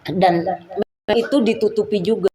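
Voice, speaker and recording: A woman shares a personal testimony before a church group. She tells it earnestly, in an even, middle-pitched voice, with a faint hiss of noise behind her. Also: moderate pace. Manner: earnest storytelling, acts out her prayers.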